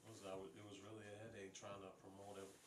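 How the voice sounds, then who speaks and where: Halting low-voiced man off-mic in a noisy room. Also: monotone, distant mic. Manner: halting, full of fillers and restarts. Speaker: guest musician. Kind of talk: casual radio interview. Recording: roomy sound from off the mic, noisy.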